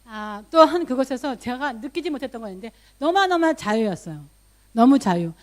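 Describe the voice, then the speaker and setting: Korean woman pastor preaching, raised pitch. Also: animated, normal speed. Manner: conversational storytelling, voice rising for quoted prayers; mixes English loanwords into speech. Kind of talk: sermon.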